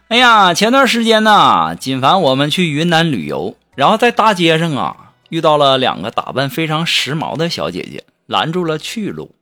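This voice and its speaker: A man's voice: fairly high pitch, huge pitch swings, normal speed, few pauses, sharp tone. A man telling funny stories and jokes in a humorous monologue, with a playful, teasing and chatty manner. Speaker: comedic storyteller. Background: background music.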